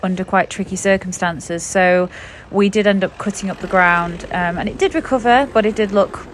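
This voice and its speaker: A woman farmer giving a clear, matter-of-fact voice-over explanation. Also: mid-range voice, moderate pace, a little hiss or hum. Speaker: farmer and vlogger. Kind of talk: voice-over narration.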